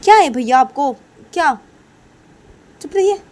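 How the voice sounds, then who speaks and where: A woman voicing an irritable young woman who snaps short questions in a loud, very high voice. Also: animated, measured pace. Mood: irritated. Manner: shrill, snapping questions.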